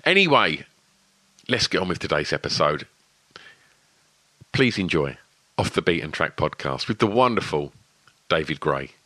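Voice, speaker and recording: A man's voice: very deep voice, very animated, normal speed, pauses often, pushed and bright, dry recording. A man with an Essex accent and a lisp, hosting a podcast in a casual, rambling, chatty way. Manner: rambling, wittering delivery. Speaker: podcast host.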